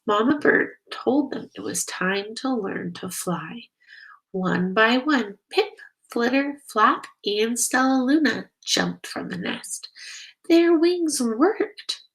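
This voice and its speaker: A woman reading a children's picture book aloud, expressive and slow, stopping to ask the listeners questions. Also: fairly high pitch, poor audio. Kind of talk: children's read-aloud narration.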